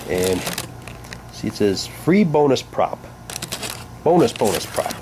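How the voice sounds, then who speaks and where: In a sing-song, slightly mellow voice on the low side, a hobbyist vlogger takes his time with casual unboxing commentary. He rambles, repeats himself, and sometimes reads aloud, recorded indoors through a handheld camera's built-in mic with a little hiss or hum.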